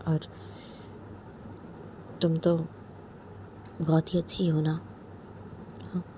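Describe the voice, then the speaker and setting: A woman performing an intimate romantic role-play monologue, talking softly and coaxingly, often sinking to a whisper. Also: low-pitched, level tone, extremely slow, slight background noise. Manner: soft, pleading and coaxing, often dropping to a whisper.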